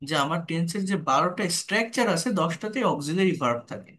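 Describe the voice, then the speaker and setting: A man with a Bengali accent teaching English grammar, speaking slowly and patiently and repeating example sentences. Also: a little high, expressive, a bit bright. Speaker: English tutor. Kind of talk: spoken grammar lesson.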